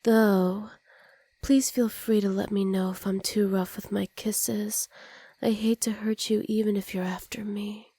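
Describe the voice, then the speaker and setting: In an ASMR roleplay, a woman plays a smug, possessive supervillainess with superpowers, teasing and commanding at an unhurried, confident pace and often sinking into soft whispers. Her medium-pitched voice is husky, soft, dark and relaxed, captured very dry and close with no room sound. The mood is flirtatious and teasing.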